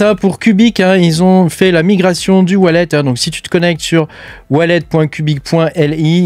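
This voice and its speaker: A man's voice: fairly high pitch, a little mellow, no echo. A man hosting a casual news roundup for his channel, chatty and full of filler words and hesitations. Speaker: crypto mining channel host.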